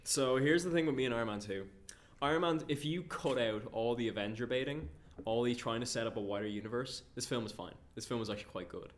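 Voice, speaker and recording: A man's voice: mid-range voice, fast. A man co-hosting a casual film review chat, rambling and swearing freely. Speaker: podcast co-host.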